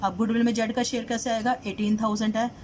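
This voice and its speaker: A woman's voice: on the high side, level tone, quick pace, darkish tone, a little hiss or hum, poor audio. A woman teaching accounting. She explains a solved problem step by step, often asks her students questions and mixes English terms into her Hindi. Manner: asks students questions and repeats "did you understand?".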